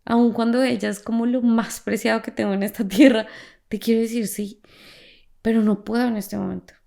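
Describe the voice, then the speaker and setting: A woman hosting a faith podcast, telling a personal story in an animated way and laughing as she talks. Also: on the high side, normal speed, creaky. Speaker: podcast host. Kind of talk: faith testimony conversation.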